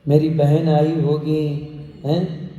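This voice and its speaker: A man's voice: on the high side, level tone, very slow, dark tone. A man voicing a young goddess wife who coaxes and pushes her husband to let her go, speaking in a sermon. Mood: insistent. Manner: coaxing, wheedling, pushy. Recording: echoey hall from far off.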